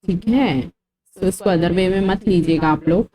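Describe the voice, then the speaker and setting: A woman's voice: fairly low pitch, unhurried, a crowd in the background, low-quality recording. A woman teaching an exam-prep engineering lecture, explaining formulas step by step and telling students what to memorize. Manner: explanatory, drills formulas to memorize, mixes English terms; scolding students about comments. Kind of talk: online lecture.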